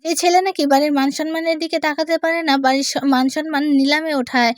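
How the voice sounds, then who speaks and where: A woman retelling the plot of a TV serial, reading out the characters' lines in a plain, steady way. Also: sits high, quick pace. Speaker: narrator recapping a TV serial.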